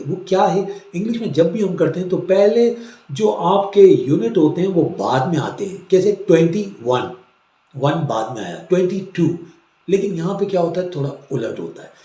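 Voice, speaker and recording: A man teaching a language lesson, explaining slowly and repeating each word for drilling. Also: a little high, dark tone, reverberant. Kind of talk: classroom-style language lesson.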